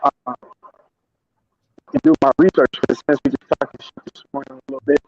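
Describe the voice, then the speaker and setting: A man's voice: mid-range voice, steady tone, brisk, creaky, no room sound. A man calling into a live chat, his voice breaking up on a choppy call line as he talks in a laid-back, offhand way. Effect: choppy call audio that keeps breaking up. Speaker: caller joining a live chat. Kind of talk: casual chat. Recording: muffled lo-fi call line with faint music behind.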